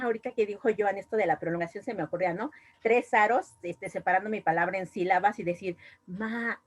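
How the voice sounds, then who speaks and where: A woman with a Mexican accent, a speech therapist giving a long, rambling comment on an online panel, full of fillers and restarts. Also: mid-range voice. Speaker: speech therapist, audience participant. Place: video call.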